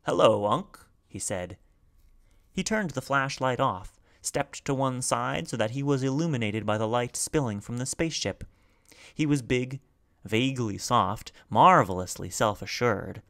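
A man narrating a novel aloud at a measured, steady pace. He reads expressively, shaping each sentence with care. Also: medium pitch, creaky. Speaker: audiobook reader. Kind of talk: scripted narration.

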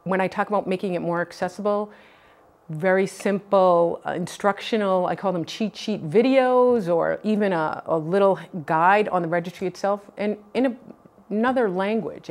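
In a TV news studio, a middle-aged woman from Boston who is running for office answers interview questions in a mid-range voice. She sounds earnest and measured, and she's recorded on a lapel mic.

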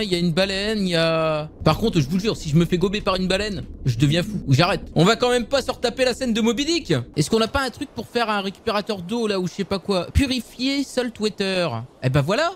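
A young man casually commenting on a survival game for his viewers, excitable and swearing often. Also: high voice, slight background noise. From France. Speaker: gaming youtuber.

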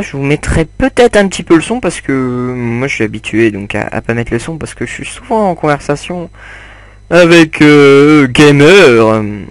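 A man's voice: medium pitch, dry recording. Rambling young man narrating his gameplay. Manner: rambling, many fillers, chats to viewers while playing. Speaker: gamer commentating his play. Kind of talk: casual gameplay commentary.

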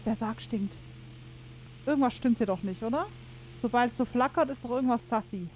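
A woman's voice: on the high side, brisk, darkish tone, slight background noise. A woman giving casual let's-play commentary on a horror game, chatting to herself and viewers, cursing and exclaiming when something startles her. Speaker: gaming streamer.

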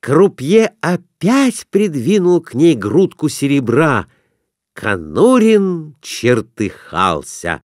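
A man narrating an audiobook in an animated storytelling manner. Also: on the high side, slow pace, no echo, studio quality. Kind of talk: scripted narration.

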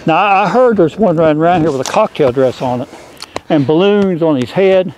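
Hollering high-voiced man outdoors. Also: brisk. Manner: hollering, teasing, yells "boom" at hits. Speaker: host and shooting instructor. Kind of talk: excited shooting commentary. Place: outdoors at a shooting spot. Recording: outdoor noise.

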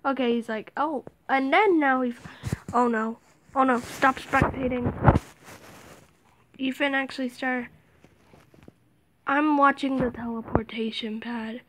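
A woman giving excited game commentary, dropping to whispers and jumping to shrieks. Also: high voice, a little slow, pauses often, background noise. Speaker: gaming video host.

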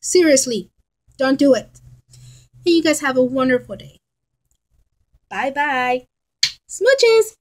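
Thirty-year-old woman, fairly high voice, chatty rambling vlogger at a close laptop webcam in a bedroom. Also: animated, slow, pauses often, poor audio. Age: 30s. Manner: rambling, chatty, frank and exasperated. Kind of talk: casual rambling vlog. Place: bedroom at home, indoors. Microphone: laptop webcam at close range.

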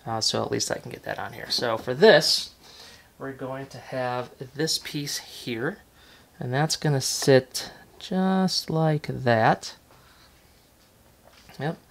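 Gravelly man explaining a model build. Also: mid-range voice, slow, long pauses. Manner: relaxed and chatty, many fillers, self-correcting. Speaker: model railroad hobbyist host. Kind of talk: casual hands-on build tutorial. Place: workbench indoors, off camera.

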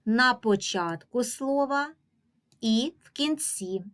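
A woman teacher with a Ukrainian accent leads a reading lesson for young children at an unhurried pace. Her voice sits a little high, and she speaks with patient, clear instruction. She draws out each example word slowly so the children can follow. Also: expressive, fairly bright tone. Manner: slow, drawn-out pronunciation of example words.

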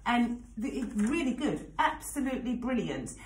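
A woman's voice: fairly high pitch, very animated, moderate pace, roomy sound, slight background noise, rough recording. A woman in her forties presenting on the radio, chatting frankly with plenty of fillers and asides. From England. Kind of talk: casual radio chat. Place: radio studio. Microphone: studio microphone.

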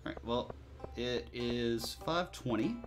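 Male let's-player, medium pitch, relaxed muttered commentary, game music underneath. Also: takes it slowly. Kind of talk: casual let's play commentary.

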